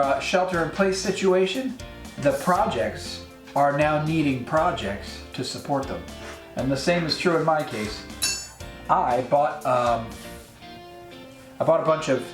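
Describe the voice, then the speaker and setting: Man, mid-pitch, casual DIY vlog host, self-deprecating, talks through his steps; echoey garage, music underneath. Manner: chatty and self-deprecating, explains steps as he works. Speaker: host of a DIY project channel. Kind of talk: casual workshop vlog narration. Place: home garage workshop.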